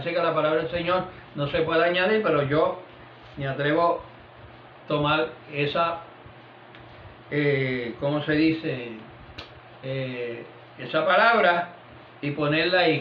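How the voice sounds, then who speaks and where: A lay preacher with a slightly high voice delivers an informal family prayer sermon, repeating "vive Jesús" and "aleluya" between phrases and dropping his voice on them. The room recording is echoey, dull, and lo-fi with slight background noise.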